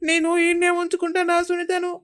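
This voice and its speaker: A woman's voice: extremely high pitch, completely flat delivery, fast, fairly bright tone. A woman voicing a sobbing young village husband. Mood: grieving. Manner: pleading, tearful and repetitive. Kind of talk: cartoon voice acting.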